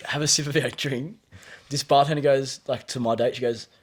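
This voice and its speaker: A man's voice: mid-range voice, fairly even intonation, brisk, breathy edge. A young man, a podcast co-host, telling a story in casual chat and laughing often.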